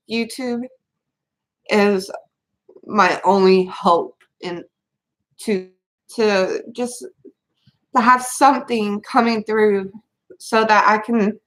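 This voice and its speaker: Slow, halting woman venting to camera. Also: mid-range voice, fairly bright tone, rough recording. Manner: halting, rambling, many restarts. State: fighting back tears. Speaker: mother of three. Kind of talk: tearful personal venting to camera.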